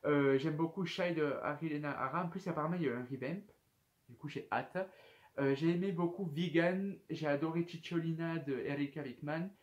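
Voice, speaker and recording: Young guy rambling thru a fan q&a, voice a bit on the high side, lots of umms. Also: brisk, highs cut off. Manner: chatty, hesitant, full of fillers and restarts; reads viewer questions aloud. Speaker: YouTube host. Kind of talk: casual FAQ chat to camera.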